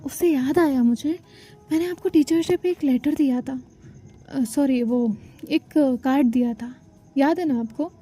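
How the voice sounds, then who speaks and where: Shy, earnest student girl voiced by a woman storyteller; high, mellow, a little hesitant. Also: measured pace. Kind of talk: storytelling dialogue.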